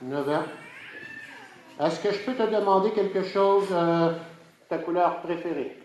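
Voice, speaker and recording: A man's voice: sits high, unhurried, darkish tone. A man with a Quebec French accent doing playful, teasing magic show patter as a children's party magician, coaxing the kids along with short questions. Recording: echoey room, audible background noise.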